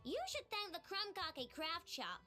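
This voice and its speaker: A boastful young inventor girl with a very high, lively, swooping voice. She chatters fast, bragging about her work. Clear game music sits behind her. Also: full character voice. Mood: chatty, boastful. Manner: chatty, boastful, flustered stammering. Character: excitable young female inventor, snack-loving and boastful.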